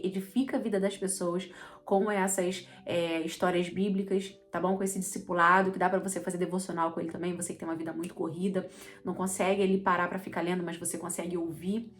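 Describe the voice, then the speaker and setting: A woman with a Brazilian accent teaching a Bible lesson as chatty storytelling, often checking in with her listeners. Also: mid-range voice. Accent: Brazilian Portuguese.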